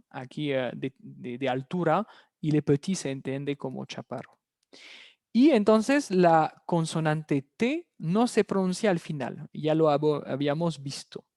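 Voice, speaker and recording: A French teacher giving an online lesson, explaining step by step, repeating key words slowly for pronunciation and checking in with the class after each point. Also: mid-range voice, a little mellow, no echo, studio quality.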